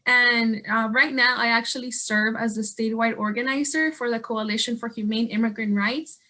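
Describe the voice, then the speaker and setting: Young woman from Guatemala, slightly high, bright voice, earnest presenter on a video call. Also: moderate pace. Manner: earnest, animated, many fillers and restarts. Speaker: statewide organizer and guest speaker.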